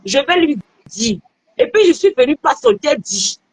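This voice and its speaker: A woman in her thirties telling a story in an animated, repetitive way during a casual chat. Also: high voice, moderate pace, no echo. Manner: animated storytelling, repeats phrases.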